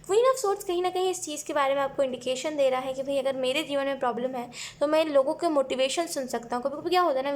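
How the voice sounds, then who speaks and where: A young woman talks through a tarot reading in a loose, chatty way, slipping English phrases in. Her voice sits high. Faint noise hums under the recording. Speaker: tarot reader. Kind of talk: casual tarot reading to camera.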